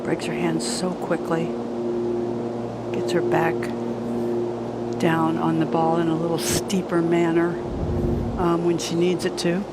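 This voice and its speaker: A woman's voice: fairly low pitch, steady tone, measured pace, pauses often, very noisy. A woman giving conversational golf commentary as an analyst.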